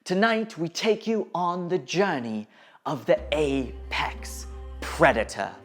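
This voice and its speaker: A woman's voice: low-pitched, big pitch swings, slow pace. A woman presenting a scripted mock nature documentary in a grave, dramatic manner. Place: studio. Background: background music.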